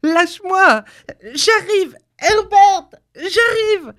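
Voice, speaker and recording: A woman doing a frantic old mother, shrieking high. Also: extremely slow, a bit bright, exaggerated voice. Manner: shrieking, pleading.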